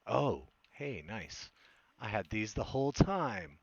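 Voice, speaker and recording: A man's voice: lowish voice, very animated, slow, gravelly, no room sound, lo-fi sound. A man chatting casually as he streams gameplay, rambling and hesitant, with a self-deprecating manner and a smoker's voice. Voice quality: smoker's voice with occasional cough. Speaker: game streamer. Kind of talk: casual live gameplay chat.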